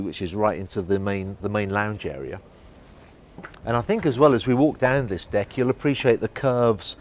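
A man's voice: on the low side, a little hiss or hum. Chatty man touring a yacht. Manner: enthusiastic, chatty, guiding the viewer. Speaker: yacht reviewer. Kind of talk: walkthrough tour commentary. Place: outdoors on a yacht deck and inside its saloon at a boat show.

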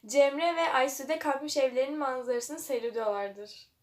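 A young woman with a high voice reads a web novel at normal speed for her vlog. Mocking asides and frequent laughter break into the reading.

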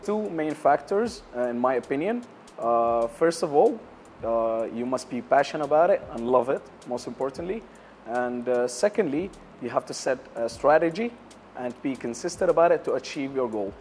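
A man's voice: mid-range voice, lively intonation, moderate pace, a little mellow, soft background music. Hesitant young Syrian man, lapel mic. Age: young adult. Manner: hesitant, many uh fillers, non-native English grammar. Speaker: barbershop owner, interview guest. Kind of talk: interview answers. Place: lounge area of a barbershop, indoors.

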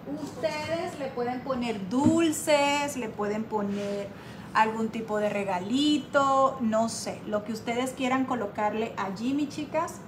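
A woman hosting a casual live craft tutorial, chatting warmly with her viewers and reading their comments aloud. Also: fairly high pitch, takes it slowly, noisy background. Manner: chatty, affectionate, calls viewers "my girls", reads comments aloud. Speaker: craft livestream host.

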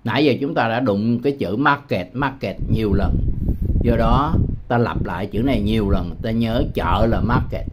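A man from Vietnam teaching English words in a patient tutorial, repeating each word slowly with hesitation sounds. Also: fairly low pitch, noisy background. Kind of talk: slow, patient screen-demo tutorial.

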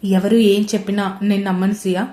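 A woman's voice: mid-range voice, level tone, fairly quick, warm tone, close to an everyday voice. A woman voicing a stern young man who scolds firmly, in a roomy-sounding recording. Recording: roomy echo.

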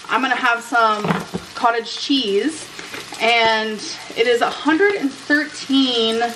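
A woman's voice: a little high, noisy background. A young adult woman chatting casually to her viewers as she vlogs indoors at home. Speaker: vlogger. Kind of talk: casual vlog chat. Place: indoors at home, kitchen and rooms.

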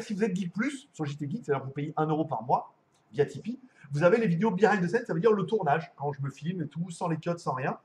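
A man's voice: high-pitched, a little mellow. A man hosting a casual live stream from home as a tech reviewer, rambling, laughing often and swearing casually.

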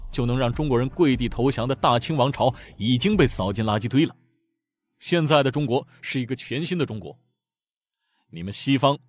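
A man's voice: mid-range voice, lightly acted. A man voicing a cold, scornful army commander. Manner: stern, scornful, lecturing.

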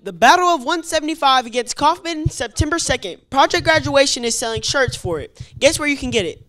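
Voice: sits high, animated, fairly quick, a bit bright. A teenage student co-hosting a school news show, reading reminders in a plain, matter-of-fact way with teasing asides.

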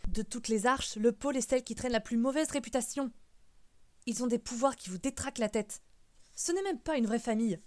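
A woman voicing a fussy, quick-tempered old great-uncle in an audiobook, loud and scolding. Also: mid-range voice, natural voice. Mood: indignant. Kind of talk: audiobook character reading.

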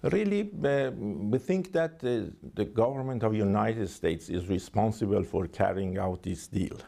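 An Iranian diplomat with a Persian accent answers interview questions formally, speaking very slowly with halting phrasing and many hesitations. His voice is dark, creaky, and on the low side, though his intonation is lively.

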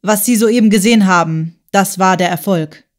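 A woman's voice: mid-range voice, normal speed, natural voice. A woman reading a tormented, proud male writer. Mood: bitter. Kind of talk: audiobook character voice.

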